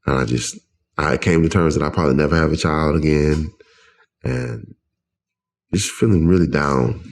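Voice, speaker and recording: A man with a very low, deep voice tells his personal story in an interview. He speaks with strong emotion, halting and restarting as he goes. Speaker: guest.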